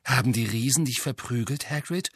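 A man voicing a clever, anxious teenage girl in an audiobook, soft and hushed. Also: mid-range voice, brisk, slightly rough, no echo, clean studio sound, voice pushed up. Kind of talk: audiobook character voice.

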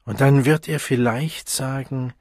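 The soft, inward thoughts of a lovesick young woman, read by a male narrator without changing his husky voice. It is a close, dry audiobook recording. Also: mid-range voice, fairly even intonation, unhurried, dry recording, lightly acted. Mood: hopeful.

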